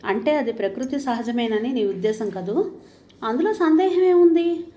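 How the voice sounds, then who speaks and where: A woman's voice: on the high side, expressive, normal speed, warm tone, close to an everyday voice. Woman voicing a frank, firm young woman friend. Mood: curious. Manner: firm, questioning.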